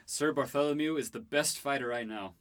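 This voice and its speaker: A man's voice: medium pitch, a little fast, a bit bright, lightly acted. A man voicing a cocky, teasing young prince and husband in a student radio drama.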